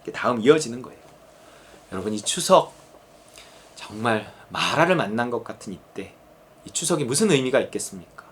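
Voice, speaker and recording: A male pastor preaching a sermon earnestly, rising to emphatic points and sinking to hushed prayerful words. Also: mid-range voice, animated, fairly quick, long pauses, a little hiss or hum.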